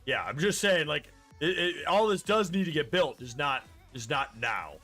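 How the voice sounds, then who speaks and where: A man in his thirties streams a game and talks it through with friends. His voice is bright and a touch high, and he explains things at length. Faint music sits underneath. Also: lively intonation, normal speed. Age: 30s. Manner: chatty, explains rules at length. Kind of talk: casual game-stream chat.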